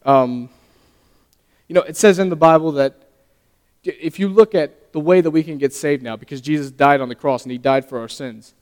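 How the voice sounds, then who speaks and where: A young man giving his first sermon as a lay preacher, earnest and halting, often stumbling and restarting his sentences. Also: on the high side, a little mellow, smooth. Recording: long reverb of a hall.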